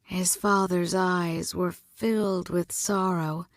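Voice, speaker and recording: A woman reads a novel aloud in a measured, deliberate narration. Her delivery is very slow and unhurried, and her voice sits somewhat low. The sound is dry and close, with no room around it. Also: fairly even intonation, dry recording. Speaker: audiobook narrator. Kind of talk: scripted audiobook narration.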